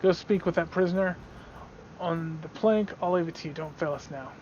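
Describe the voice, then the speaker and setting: A man's voice: fairly high pitch, darkish tone, a little hiss or hum, natural voice. Man putting on a mocking pirate quizmaster. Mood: commanding. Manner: pirate slang, slow and mocking. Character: gruff male pirate quizmaster testing newcomers. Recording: slightly dull lo-fi audio.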